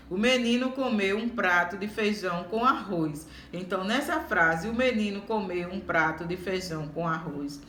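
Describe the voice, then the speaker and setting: A woman teacher reads worksheet exercises to young pupils, slowly and carefully, repeating words and syllables. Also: mid-range voice, fairly bright tone. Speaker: primary school teacher. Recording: echoey room, faint background noise.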